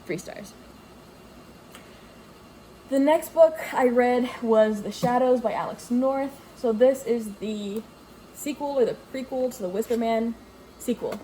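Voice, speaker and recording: A woman's voice: a little high, slow, pauses often, dark tone, a little hiss or hum. A young woman from Greece casually reviewing books she read, rambling with fillers and correcting herself. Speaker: book vlogger. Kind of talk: casual book review chat. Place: home with washing machine running.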